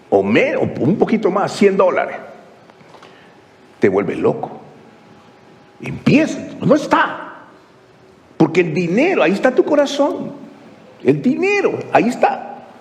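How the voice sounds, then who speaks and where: Pastor preaching with lively, swinging pitch. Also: male voice, long reverb tail. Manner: rhetorical questions, swinging from hushed to exclaiming. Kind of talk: sermon. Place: church.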